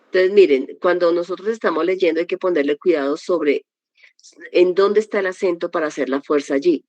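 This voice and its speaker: Woman teacher going over greek words slowly and patiently, dry dull-sounding audio. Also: fairly low pitch, darkish tone, no echo. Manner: patient, explains step by step with examples. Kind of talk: classroom lesson.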